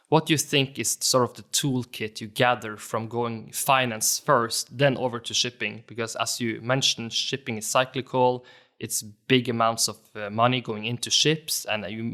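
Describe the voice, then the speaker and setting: A man's voice: mid-range voice, bright, forceful tone. Podcast host man asking long questions. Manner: long multi-part questions. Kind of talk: podcast interview.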